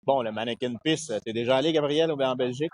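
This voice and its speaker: A man with a Québécois accent, a podcast guest telling a casual anecdote with lively quoted voices. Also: medium pitch, quick pace. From Quebec. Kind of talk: casual storytelling chat.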